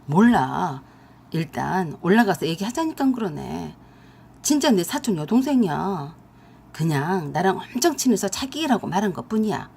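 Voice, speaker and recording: Woman doing a young man, cornered, defensive, pleading, husky, lively. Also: on the low side, moderate pace, voice pushed down, heavily acted. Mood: evasive.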